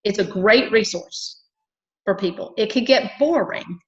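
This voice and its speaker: A woman's voice: mid-range voice, measured pace, dull audio. A woman from a chamber of commerce, talking earnestly and cheerfully in a local cable TV interview, with lots of fillers and restarts.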